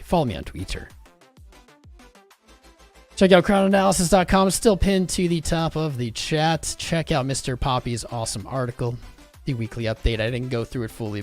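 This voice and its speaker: A male crypto livestream host chats casually, rambling in slang and talking straight to chat. His middle-pitched voice is worn thin as he's losing it, with soft music playing in the background.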